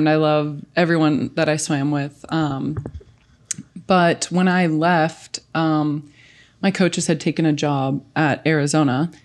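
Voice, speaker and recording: A woman's voice: low-pitched, a little mellow. A woman in her late twenties, a swimmer guesting on a podcast, chatting casually with lots of "like" and "um" and frequent laughs. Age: late 20s. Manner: chatty, filler-heavy, laughs often.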